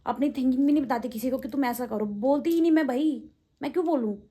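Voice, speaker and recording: A young adult woman vlogger talking quickly and indignantly, answering her critics directly in a casual rant. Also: high-pitched, warm tone, husky.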